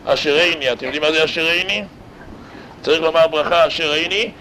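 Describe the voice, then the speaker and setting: A man teaching students in a lively sermon-style lesson, weaving in jokes and speaking to them directly. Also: fairly high pitch, a little hiss or hum, rough recording. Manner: animated, addresses students directly. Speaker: religious teacher.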